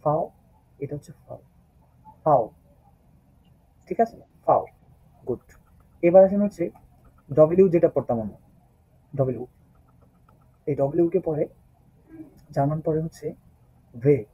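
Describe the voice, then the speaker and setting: A man's voice: a little high, moderate pace, pauses often, husky, no echo. A man teaching German in an online class. He spells out the alphabet patiently and repeats each sound several times. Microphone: laptop mic on a video call. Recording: dull lo-fi video call audio.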